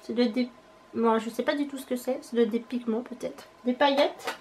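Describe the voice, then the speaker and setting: A woman's voice: a little high, steady tone, normal speed, darkish tone, a little hiss or hum. A young woman chatting casually as she unboxes a parcel on her vlog, thinking aloud and hesitating often. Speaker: beauty vlogger.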